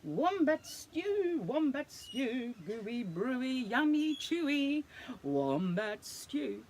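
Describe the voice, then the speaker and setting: A woman voicing a boastful, excitable male dingo cook in a storybook, with a sing-song, gleeful delivery. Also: a little high, takes it slowly, slight background noise, voice pushed up, full character voice.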